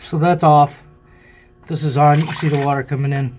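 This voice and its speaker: A boat owner narrates a repair in a casual how-to while working in the bilge, thinking out loud in relaxed, plain, folksy language. He speaks at a moderate pace in a slightly high voice, and soft music plays in the background.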